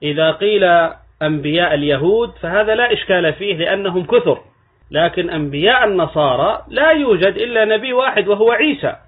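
A man giving a religious lesson on hadith in a measured teaching cadence, rising with emphasis on key terms. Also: high-pitched, expressive. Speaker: Islamic scholar. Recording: tinny phone-like recording.

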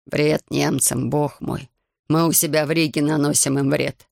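A man voicing a distraught heavyset businessman begging for help for his arrested son, in a slow, broken, pleading way. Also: on the high side, level tone, gravelly, a little mellow, no echo, clean studio sound. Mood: desperate pleading. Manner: desperate, pleading, slowed and broken.

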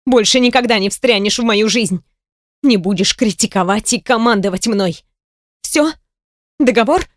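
A woman's voice: a little high, normal speed, no echo, clean studio sound, lightly acted. Woman reader playing a young sister, fed up and firm, clipped hissing delivery, audiobook. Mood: cold resolve. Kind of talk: audiobook character voice.

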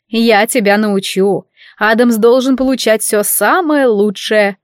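Woman voicing an overbearing middle-aged mom, slow, preachy, domineering, audiobook, dry close sound. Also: a little high, no echo, close to an everyday voice. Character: bossy meddling middle-aged mother, overbearing.

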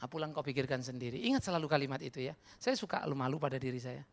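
A man preaching a sermon as pastor, animated and conversational. He questions the congregation directly and mixes casual slang and English words into his talk. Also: medium pitch, very fast. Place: church.

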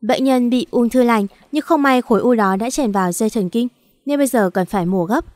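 A woman voicing a calm, matter-of-fact male hospital doctor in an audio story, in a formal, businesslike way. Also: fairly high pitch, a little fast, no echo, lightly acted. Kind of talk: audiobook dialogue.

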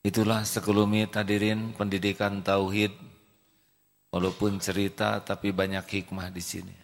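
A male preacher telling a story in a sermon, slowly and vividly acting out the characters. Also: fairly low pitch, level tone. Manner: slow storytelling, acts out voices. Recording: reverberant hall.

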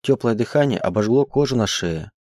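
A man reading a romance audiobook as first-person narration, in a measured, expressive way. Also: mid-range voice, dry recording, studio quality. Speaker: audiobook reader.

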